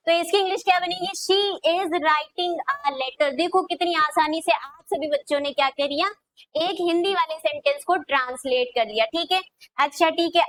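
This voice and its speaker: Woman, high-pitched, grammar teacher, question-and-answer style, slow dictation. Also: a bit bright, low-quality recording. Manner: repeats questions back to students, drawn-out dictation. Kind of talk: classroom video lesson.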